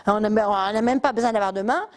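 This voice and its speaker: An older woman giving a lively, chatty lecture to an audience in a lecture hall, with many fillers and asides. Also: mid-range voice, fast talker.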